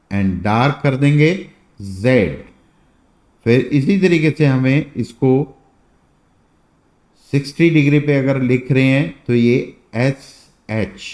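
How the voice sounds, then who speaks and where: A man's voice: medium pitch, darkish tone, roomy sound. A man teaching shorthand in a classroom lesson, explaining step by step and answering his own questions, mixing Hindi with English words.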